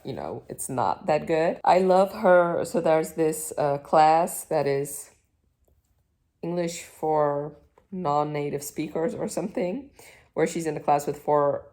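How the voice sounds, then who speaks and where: A woman's voice: deep voice, warm tone. A young woman from Iraq, raised in the Netherlands, chatting to camera at home about the books she is reading, rambling with fillers and self-corrections. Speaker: book vlogger. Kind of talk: casual chat to camera. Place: at home on a couch.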